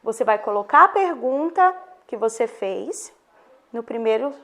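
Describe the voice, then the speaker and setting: A primary school teacher with a Brazilian Portuguese accent records a lesson for young children. She speaks slowly and stresses her intonation clearly, her voice slightly high, expressive and fairly bright.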